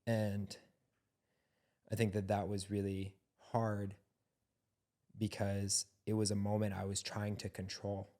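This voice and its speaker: An earnest young man co-hosting a candid podcast conversation. His voice sits low and stays fairly level in pitch. He speaks reflectively and searches for his words. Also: monotone, takes it slowly, long pauses, warm tone. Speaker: podcast co-host.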